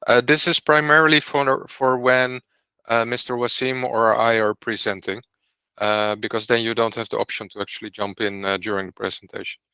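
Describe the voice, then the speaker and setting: A man who founded a startup company hosts an online program presentation on a video call, explaining each step clearly as he goes. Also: medium pitch, fairly even intonation, moderate pace, bright, forceful tone, no room sound.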